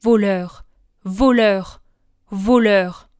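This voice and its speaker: Une femme lisant un maître grave et sévère, colère contenue, ton bas et terrible, voix claire. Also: female voice, steady tone, slow, smooth, dry recording, studio quality, lightly acted. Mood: stern. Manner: low, terrible restrained tone. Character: stern grave man, master confronting a thief.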